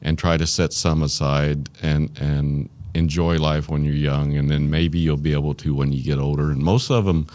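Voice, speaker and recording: Middle-aged male interviewee with an Arkansas drawl. Low voice, plain-spoken and folksy, chatting informally with pauses. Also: little pitch movement, darkish tone. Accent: Arkansas Southern. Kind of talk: casual reminiscing interview.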